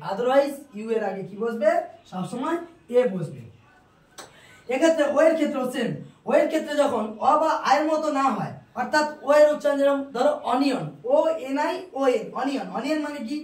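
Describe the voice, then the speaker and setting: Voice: high voice, darkish tone. An English grammar teacher giving a classroom-style lesson, asking questions aloud and answering them, repeating each rule to drill it in. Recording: roomy echo, distant mic.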